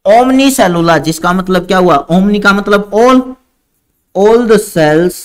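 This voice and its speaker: A man's voice: high-pitched, takes it slowly, clear, resonant tone. A man teaching a biology class online in Hindi mixed with English with an Indian English accent, calling students "beta" and stretching out key terms as he dictates.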